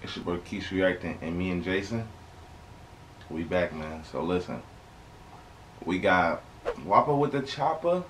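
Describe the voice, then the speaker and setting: Young American male reaction host, lowish pitch, slangy and conversational, emphatic repeats, noisy home webcam sound. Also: fairly even intonation, measured pace, long pauses. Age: young adult. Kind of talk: casual reaction commentary. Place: small bedroom indoors. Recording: clear background noise, home webcam recording.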